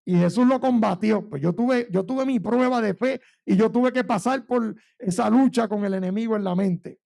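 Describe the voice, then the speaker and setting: High-voiced, gravelly pastor. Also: male voice, normal speed, mellow. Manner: fervent storytelling, addressing listeners as brother. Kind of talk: sermon with personal testimony. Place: church.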